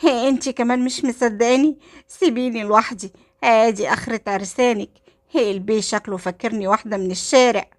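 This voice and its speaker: A woman voicing a scheming young wife with an Egyptian accent, sharp and indignant. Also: medium pitch, normal speed, long pauses, lightly acted. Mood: fake tearful. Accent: Egyptian Arabic.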